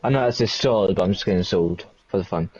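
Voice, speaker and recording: A man's voice: sits low, quick pace, darkish tone, breathy edge. A man co-commentating a live esports race in a laid-back, dryly joking way. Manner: laid-back, dry jokes, reads out the grid. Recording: dull lo-fi mic.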